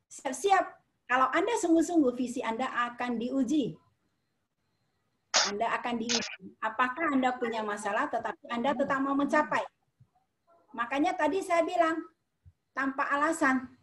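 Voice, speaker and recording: High-voiced woman giving an emphatic speech. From Medan, Indonesia. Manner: emphatic, repetitive, shifts from loud to quiet. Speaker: motivational speaker. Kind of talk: motivational talk to an audience.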